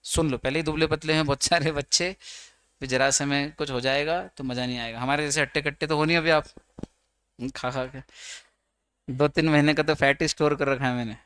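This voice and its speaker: A man's voice: on the high side, fairly even intonation, fairly quick, fairly bright tone, smooth, dry recording. A man teaching law in an exam-prep lecture, chatty and teasing, slipping English terms into his explanations.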